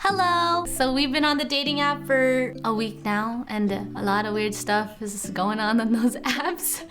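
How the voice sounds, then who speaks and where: A woman's voice: on the high side, unhurried. Giggly young woman, music behind. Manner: giggly, laughs often mid-sentence. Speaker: guest trying dating apps. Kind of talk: casual recap to camera. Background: background music.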